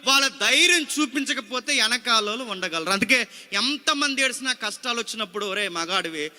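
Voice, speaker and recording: Bright, high-voiced preacher man. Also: a little fast, in a large hall. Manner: dramatic, rhetorical questions to the congregation; repeats scripture phrase by phrase after a reader. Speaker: pastor. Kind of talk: sermon.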